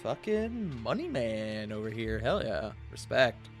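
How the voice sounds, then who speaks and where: A man's voice: mid-range voice, sing-song, unhurried, faint music behind. A man acting as game master, narrating a tabletop game in a casual, improvised way with informal banter.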